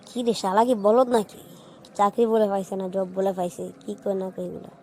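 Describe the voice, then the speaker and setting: A woman's voice: medium pitch, steady tone, normal speed, a little mellow, a little hiss or hum, voice pushed down, natural voice. A woman voicing a scornful young man in a cartoon who mutters insults under his breath. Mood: muttering.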